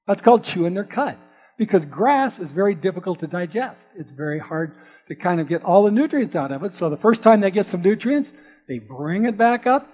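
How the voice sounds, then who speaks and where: A man's voice: sits high, big pitch swings, fairly quick, darkish tone, slightly rough. A man preaching to an audience, telling a playful folksy farm story and joking with the crowd. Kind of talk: sermon with storytelling. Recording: dull audio with long hall reverb.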